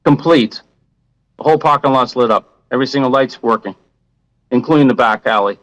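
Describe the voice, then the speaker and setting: A man's voice: mid-range voice, brisk, fairly bright tone, dry recording, dull audio. A man with a Boston accent, a contractor giving informal, plain-spoken testimony at a hearing.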